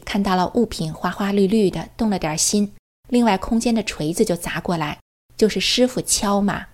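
A woman's voice: medium pitch, darkish tone. A woman giving an earnest personal testimony, telling her story and quoting what others said to her. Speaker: religious practitioner sharing her experience.

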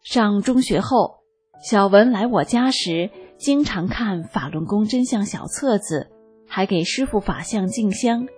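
A woman reading a first-person testimony aloud as scripted narration, in a slow, calm and even manner. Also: mid-range voice. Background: faint background music.

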